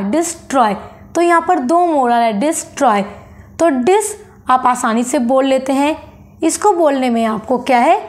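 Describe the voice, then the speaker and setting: High-voiced woman teaching literature. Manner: explains slowly in Hindi, reads English notes aloud slowly; repeats and glosses each term. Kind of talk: exam-prep lecture.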